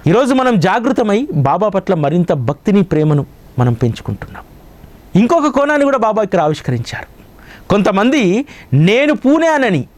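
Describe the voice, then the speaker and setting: A man's voice: high-pitched, a little mellow. A man giving a devotional discourse as a spiritual teacher, with a Telugu accent, preaching with rhetorical questions.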